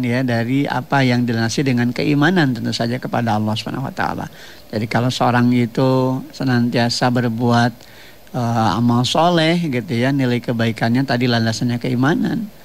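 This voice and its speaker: Male radio preacher, gravelly mid-range voice, steady teaching delivery. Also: mid-range voice, a little hiss or hum. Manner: measured, explanatory, repeats phrases with tag questions. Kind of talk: radio sermon. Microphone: radio studio microphone.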